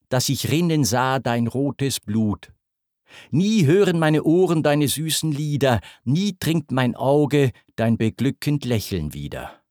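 Vengeful goddess queen voiced by a male reader, scornful verse, lively pitch, slow. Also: dry recording, studio quality. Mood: grieving.

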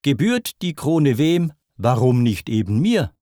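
A man's voice: medium pitch, very animated, a little slow, mellow, no room sound, studio quality. A man voicing a hot-tempered male messenger god in a spoken verse epic, mocking and quarrelsome. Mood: taunting.

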